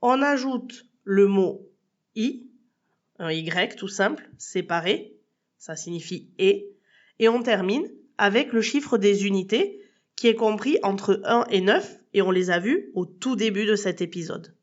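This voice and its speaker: A woman's voice: medium pitch, expressive, measured pace, lo-fi sound. A woman teaching a language lesson as a podcast, patiently spelling words out letter by letter and speaking directly to the listener. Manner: addresses the listener as tu. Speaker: Spanish teacher.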